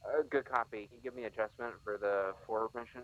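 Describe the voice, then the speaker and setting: A man working as a ground fire controller, making calm, procedural calls for fire over radio comms. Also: on the low side, a little fast, dull audio, slight background noise. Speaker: ground fire controller in a military simulation game. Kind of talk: military radio chatter.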